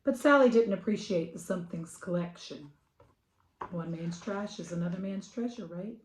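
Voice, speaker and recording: A middle-aged American woman hosts a read-aloud of a children's picture book, chatting casually and giving the text expressive emphasis. Her voice sits on the low side at a moderate pace, and the recording is reverberant.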